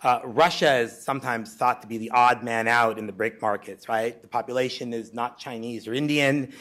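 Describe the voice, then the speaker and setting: Speaking at a moderate pace with fairly even intonation, this Greek conference speaker in his forties has a medium-pitched, fairly bright voice. His talk in the symposium lecture hall is conversational, peppered with ums and restarts.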